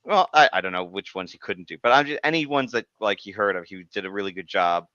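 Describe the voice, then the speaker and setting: Smooth-voiced man on a dull, dry mic. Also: on the low side, fast talker, bright, forceful tone, no echo. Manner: earnest, explains at length. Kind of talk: casual chat.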